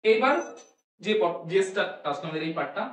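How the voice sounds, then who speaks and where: A woman's voice: fairly low pitch, lively intonation, far from the mic. Echoey teacher woman explaining sounds. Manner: asks questions and answers them herself, repeats sounds slowly. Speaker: English pronunciation teacher. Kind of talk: classroom-style lesson. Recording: echoey room, voice from off-mic.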